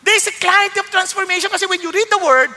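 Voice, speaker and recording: A man delivers a sermon in a high, bright voice, jumping between fiery near-shouts and quiet asides. His words ring out with a long reverb, as if spoken in a large hall. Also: fast. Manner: animated Taglish preaching, swinging between loud outbursts and hushed asides. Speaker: pastor.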